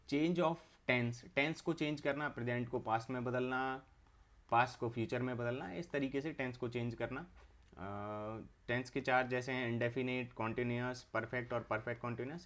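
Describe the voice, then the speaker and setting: A man's voice: mid-range voice, steady tone, a little fast, fairly bright tone. A young adult man, teaching an online exam-prep English class, explaining each term step by step and repeating it.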